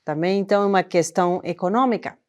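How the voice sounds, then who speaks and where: A woman's voice: fairly low pitch, quick pace, darkish tone. A woman from northern Argentina, presenting news in a studio in a conversational, explanatory way. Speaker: news host.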